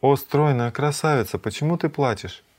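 A man's voice: medium pitch, normal speed, darkish tone, voice pushed up, natural voice. A man voicing an affectionate young woman. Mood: tender.

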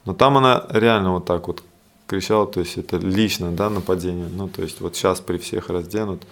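A man with a deep, low voice leads a scripture study class. He explains loosely and conversationally, circling back with fillers and asides as he goes. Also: vocal fry.

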